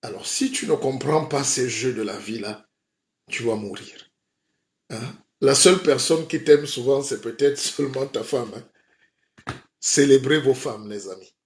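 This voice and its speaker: Speaking in a mid-range voice at a measured pace, this man performs a mock sermon on a live stream as a comedic spiritual guide. He's playful and rhetorical, frequently throwing "hein?" at his listeners.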